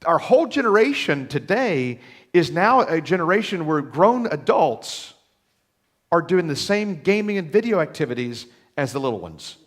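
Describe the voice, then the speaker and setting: Preacher, a touch higher than most men, big lively swings in pitch, folksy, keeps doubling up words as he starts a thought, preaching in church. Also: moderate pace. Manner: animated, folksy, acts out quoted voices, repeats words when starting. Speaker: pastor. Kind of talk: sermon. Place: church sanctuary.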